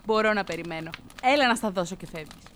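A woman's voice: medium pitch, lightly acted. Woman playing a fond village mother. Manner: gentle, fond, teasing. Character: warm caring village mother. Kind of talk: children's radio drama.

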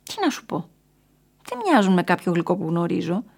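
A woman's voice: mid-range voice, fairly even intonation, close to an everyday voice. A woman voicing a thoughtful, amused male pastry chef who teases, in a storybook reading. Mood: teasing. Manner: teasing, amused.

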